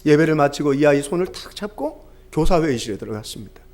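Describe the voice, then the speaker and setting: A man's voice: on the high side, expressive, quick pace, a little mellow. A man preaching a sermon, telling stories and building to fervent exhortation. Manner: impassioned, swelling into fervent exhortation; storytelling, acting out quoted dialogue.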